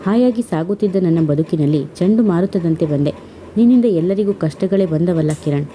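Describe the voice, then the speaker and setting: A defiant young woman, wounded and bitter, her voice low and dark as a female storyteller puts her on. She speaks with a hard edge, in a storybook reading. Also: lively intonation, moderate pace, a little hiss or hum, close to an everyday voice. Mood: vengeful.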